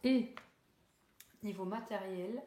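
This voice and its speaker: A woman's voice: medium pitch, slow pace, warm tone, echoey room, slight background noise. A young woman chatting casually while coloring, rambling with many fillers and self-corrections, laughing at her own jokes. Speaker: coloring YouTuber.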